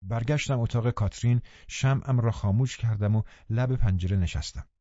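A man calmly reading a novel aloud as an audiobook narrator, in measured storytelling. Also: medium pitch, no echo. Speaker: audiobook reader. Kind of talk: scripted narration. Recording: dull lo-fi dry recording.

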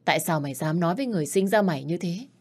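A woman's voice: lowish voice, lively intonation, rapid-fire, breathy edge. A woman reading a furious, fierce mother. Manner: furious, shouting.

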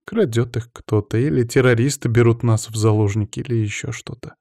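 A man voicing an emotional young woman in an audiobook, raising his voice high and breaking into sudden exclamations. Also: fairly even intonation, brisk, warm tone, no echo, clean studio sound, close to an everyday voice. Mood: quiet, reflective. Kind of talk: audiobook character voice.

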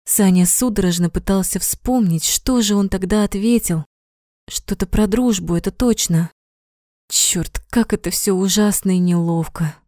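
Mellow-voiced woman narrating an audiobook. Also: mid-range voice, measured pace, no echo, studio quality.

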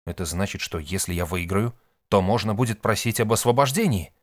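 A man's voice: fairly low pitch, brisk, dry recording, studio quality, close to an everyday voice. A man voicing an impulsive, headstrong young man who speaks with eager outrage. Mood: urgent.

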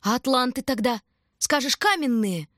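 A woman's voice: sits high, lively intonation, moderate pace, fairly bright tone, no echo, clean studio sound, pitched above the performer's own voice. A woman doing a fierce, frightened young girl. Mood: urgent. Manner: desperate, crying out. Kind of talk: audiobook character voice.

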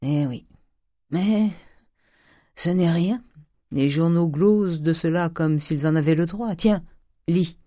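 A stingy old provincial miser speaks bluntly, drawing out his hums and grumbles, voiced by a man reading aloud. The tone is dark and mellow, and the sound is close and dry. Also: on the high side, slow pace, long pauses, no room sound, pitched above the performer's own voice.

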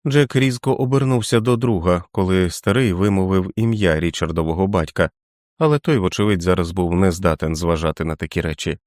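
A man with a very deep voice reads a novel aloud in a measured, expressive way. The recording is dry and close-miked, with no room sound. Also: no echo. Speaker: audiobook narrator. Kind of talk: scripted audiobook narration.

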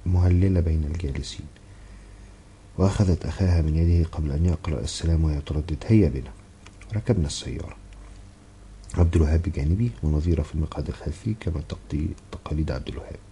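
Audiobook narrator: low, very dark man, expressive and dramatic, faint hiss under the voice. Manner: dramatic, heated in dialogue. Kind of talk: expressive novel reading.

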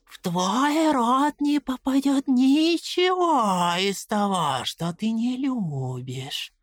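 A woman voicing a dead, whispering old man made of rats, slow and coaxing in an audiobook. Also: a little high, sing-song, dry recording, studio quality, exaggerated voice. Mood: eager promising. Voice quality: breathy whisper. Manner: slow, wheedling, tempting. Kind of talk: audiobook character voice.

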